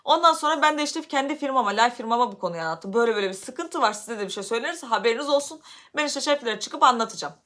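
A high, bright woman's voice from Turkey, talking fast. She tells a story in a casual vlog, and her voice climbs and gets loud as she warms up. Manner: animated, voice rises loudly when upset. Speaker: vlogger.

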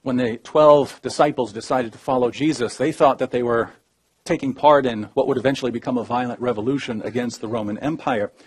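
A man in his thirties giving a personal testimony as a debater, in a measured, low-key storytelling manner that often drops quiet. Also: steady tone, slightly rough.

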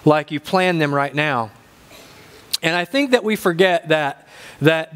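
A male pastor in his fifties with a thick Ozarks accent delivers a sermon from a church stage. His voice sits fairly high for a man. He speaks deliberately, repeating key phrases to drive them home. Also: a bit bright. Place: large church stage indoors.

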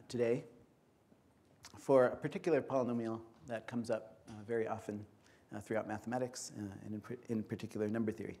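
In an auditorium, a man gives a conference lecture in a mellow, relaxed, husky voice at a middle pitch. He explains each step in a measured, patient way.

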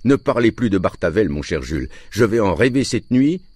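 Man playing a calm earnest father, reassuring, dry close sound, husky. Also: fairly low pitch, a little fast, dry recording, voice pushed up. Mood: wry. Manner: reasonable, reassuring. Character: earnest schoolteacher father, mildly wry.

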